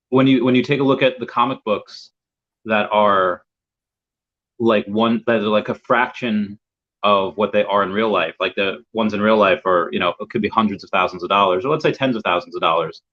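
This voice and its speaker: With dull lo-fi audio, this clip has a young American man with a lowish voice speaking at a moderate pace. A guest in a casual video-call interview, he rambles and repeats words while reaching for his thoughts.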